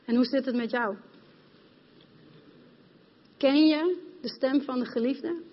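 A woman's voice: sits high, takes it slowly. Passionate woman preaching in a hall. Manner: passionate, addresses congregation directly. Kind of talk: sermon. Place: church hall. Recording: dull, reverberant hall sound.

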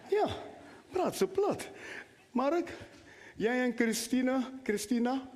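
A man preaching a sermon in an animated way, talking directly to his congregation in a church hall. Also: very high voice, extremely slow, a faint crowd. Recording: long hall reverb.

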